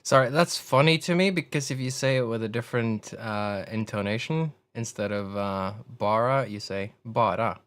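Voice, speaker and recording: A man's voice: medium pitch, normal speed, hardly any pauses, fairly bright tone, clean tone. Sarcastic male game streamer. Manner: dry, sarcastic asides. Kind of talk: game commentary.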